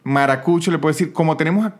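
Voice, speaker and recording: A man's voice: fairly high pitch, rapid-fire. A man with a Venezuelan Andean accent, a podcast guest telling stories in casual chat. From San Cristóbal, Venezuela.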